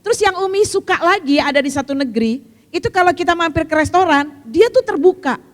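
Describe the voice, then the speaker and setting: High-voiced older woman preaching in a hall. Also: quick pace. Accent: Indonesian. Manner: lively storytelling, acts out quoted voices, laughs often. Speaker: religious teacher. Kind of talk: religious talk to a women's study group. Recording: reverberant hall.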